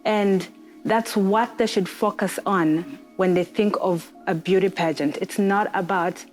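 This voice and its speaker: A woman's voice: medium pitch, fairly even intonation, measured pace, a little mellow, faint music behind. Earnest young woman from Zambia. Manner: earnest, persuasive. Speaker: panel guest. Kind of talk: casual panel chat.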